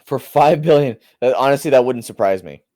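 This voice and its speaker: A man's voice: medium pitch, lively intonation, brisk, mellow, dry recording. A young man co-hosting a casual podcast, talking hesitantly with frequent restarts and laughter. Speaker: podcast co-host. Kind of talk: casual banter.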